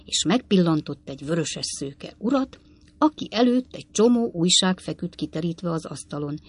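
A woman narrating a classic novel as an audiobook in a measured, expressive storytelling manner, with a husky voice. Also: lowish voice.

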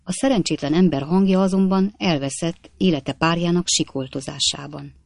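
A woman reading a classic novel aloud in an even, measured storytelling manner. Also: fairly low pitch, gravelly, no room sound, studio quality. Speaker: audiobook narrator. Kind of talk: scripted narration of a classic novel.

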